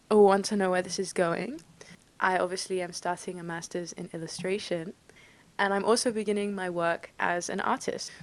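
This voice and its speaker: A bubbly, enthusiastic English vlogger in her twenties chats casually to camera from her bedroom, laughing often. Her voice is fairly low, and her English accent carries a slight Dutch tinge. The audio is poor.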